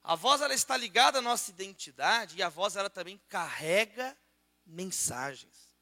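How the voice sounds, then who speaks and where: A man with a Brazilian Portuguese accent preaching a sermon and praying in a church auditorium, switching between loud prayer and softer asides. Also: high-pitched, lively intonation, normal speed, long reverb tail. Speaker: pastor.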